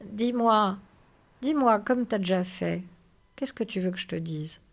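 A woman's voice: medium pitch, measured pace, gravelly. A woman reading aloud and voicing a big, simple-minded, childlike man who talks in an eager, pleading way.

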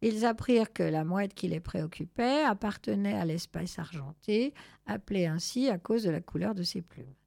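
A woman reading a storybook aloud in a relaxed way, with fillers and self-corrections. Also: medium pitch, normal speed, gravelly, no room sound, clean studio sound. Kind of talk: casual storybook read-aloud.

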